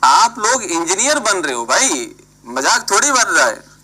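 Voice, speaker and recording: A man's voice: high-pitched, big pitch swings, unhurried, bright, forceful tone, rough recording. A man teaching an engineering class online, prodding and scolding students by name and mixing English terms into his talk.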